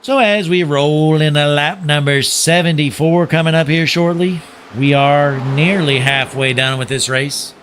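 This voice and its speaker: A man's voice: fairly high pitch, fairly even intonation, unhurried, few pauses, a bit bright, slight background noise. A young man giving folksy play-by-play commentary on a sim race, joking and calling to "folks", while losing his voice.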